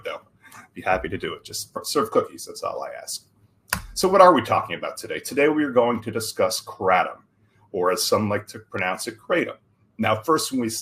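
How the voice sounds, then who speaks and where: Middle-aged man, lower voice, casual webinar presenter, folksy and talkative. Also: a bit bright. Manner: casual, chatty, joking asides, frequent fillers. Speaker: webinar presenter, chief product officer. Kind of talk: live educational webinar.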